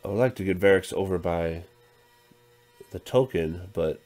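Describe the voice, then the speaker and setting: Over faint background music, a man with a low voice casually plays through a tabletop game at normal speed. He counts dice out loud, reads the game text, and thinks through his moves.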